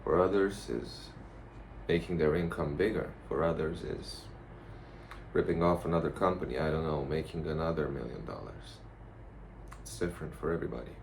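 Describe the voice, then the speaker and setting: A man giving a casual, rambling vlog monologue in a blunt, profane, halting way. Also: extremely low pitch. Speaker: vlogger. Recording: noticeable background noise.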